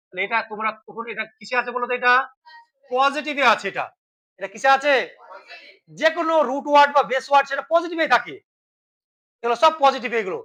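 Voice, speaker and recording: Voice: medium pitch, bright, forceful tone, rough recording. A teacher giving a classroom grammar lesson, asking questions and then answering them, and spelling words letter by letter.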